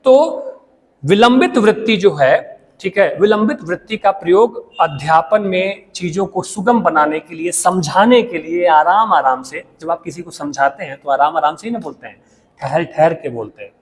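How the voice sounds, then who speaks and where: A man teaching a Hindi lesson, explaining slowly with pauses and checking in with "theek hai". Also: sits high, animated, in a large hall. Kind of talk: classroom lecture.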